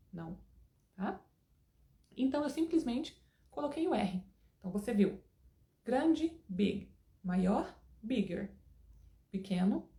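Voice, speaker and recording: A woman's voice: mid-range voice, warm tone, reverberant. A woman teaching an English lesson in a casual, chatty way, often checking in with her students.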